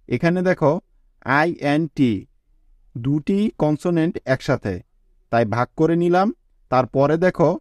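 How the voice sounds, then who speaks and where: A man giving a scripted spoken lesson as an English teacher, slowly spelling out letters and syllables. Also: on the high side, a little mellow, no echo.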